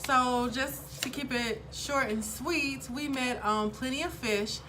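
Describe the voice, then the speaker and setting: A woman's voice: sits high, fairly even intonation, slow, noisy background. A woman in her thirties chatting casually to camera as a vlogger, upbeat and full of fillers. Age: 30s. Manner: upbeat, chatty, lots of ums.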